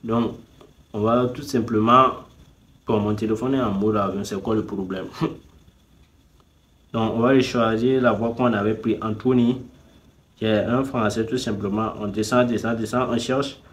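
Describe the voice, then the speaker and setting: A man's voice: on the low side, steady tone, moderate pace, long pauses. A man hosting a casual tutorial, thinking aloud as he clicks through a website, repeating the same filler phrase and talking straight to his viewers. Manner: repeats "tout simplement" constantly; talks straight to viewers, teasing them to subscribe. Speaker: YouTube tutorial host. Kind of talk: casual screen-recording tutorial.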